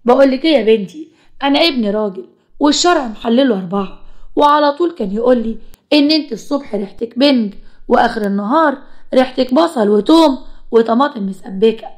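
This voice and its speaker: A harsh older mother-in-law from an animated storybook, put on by a woman storyteller. She scolds and talks down at a quick clip, in a slightly high voice. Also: close to an everyday voice. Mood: condescending. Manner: scolding, condescending.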